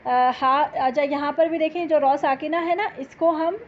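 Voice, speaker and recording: A woman teaching tajweed, patiently explaining letters and reciting Quranic verses slowly. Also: high voice, highs cut off, slight background noise.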